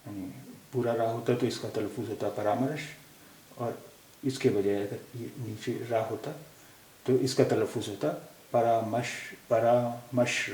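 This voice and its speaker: A man teaching a language lesson, repeating each word slowly to show how it is pronounced. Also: on the low side, a little mellow. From India. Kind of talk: slow explanatory lesson. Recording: echoey room with faint hiss.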